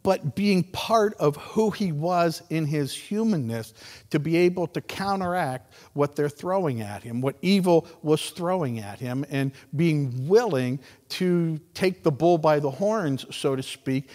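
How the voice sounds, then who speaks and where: A man preaches to his congregation, unhurried and folksy, with a slightly high voice. His words ring out in a church sanctuary with long reverb. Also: a little mellow. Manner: conversational and folksy, with some repetitions. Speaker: pastor. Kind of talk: sermon. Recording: long reverb of a large hall.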